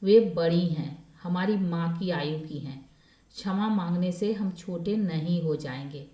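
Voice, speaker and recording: A woman voicing a calm grown man who reasons steadily with his wife, in a storybook reading. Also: lowish voice, a little slow, roomy sound, close to an everyday voice. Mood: earnest.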